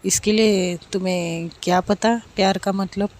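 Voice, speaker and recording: A woman's voice: medium pitch, steady tone, unhurried, a little mellow, close to an everyday voice. A woman voicing a rude, argumentative young man who quarrels with strangers. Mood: irritated.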